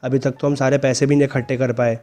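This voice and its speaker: A man's voice: mid-range voice, flat delivery, fast talker, a little mellow, soft background music, close to an everyday voice. A man reading the lines of a worried, hesitant teenage bully's sidekick.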